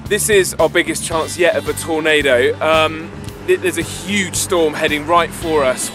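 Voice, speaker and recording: A man's voice: fairly high pitch, fairly even intonation, unhurried. A man presenting a storm-chasing video diary on location, speaking off the cuff and reacting as he goes. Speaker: presenter reporting on a storm chase. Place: outdoors by the road and inside a car. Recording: loud music, outdoor and car noise, distant mic.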